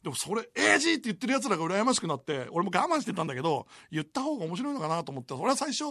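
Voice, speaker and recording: A man's voice: high-pitched, very fast, dry recording, clean studio sound. A man in his forties hosting late-night radio, telling a story with lots of laughter. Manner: animated storytelling with frequent laughter. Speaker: radio host. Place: radio studio. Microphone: studio microphone.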